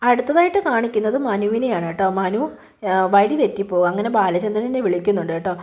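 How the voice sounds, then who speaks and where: A woman's voice: mid-range voice, expressive, quick pace, darkish tone. A woman casually retelling a TV serial episode in a chatty way, quoting the characters in turn and dropping in frequent filler asides. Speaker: serial recap vlogger.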